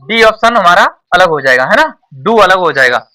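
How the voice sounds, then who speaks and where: A man's voice: high voice, expressive, moderate pace, bright, forceful tone, distant mic. A man teaching an exam-prep lesson to a class, repeating each point and quizzing the pupils. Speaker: tuition teacher.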